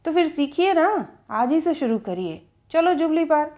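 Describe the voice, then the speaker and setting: A woman's voice: high voice, very animated, normal speed, darkish tone, voice pushed up. A woman voicing a cheeky young male chauffeur who teases and coaxes in a playful, mocking way. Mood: teasing.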